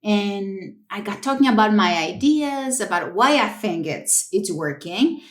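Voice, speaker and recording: A woman's voice: mid-range voice, measured pace, echoey room. A woman from Greece with a Greek accent, a researcher telling her story as an interview guest. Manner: animated storytelling with fillers. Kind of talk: casual interview.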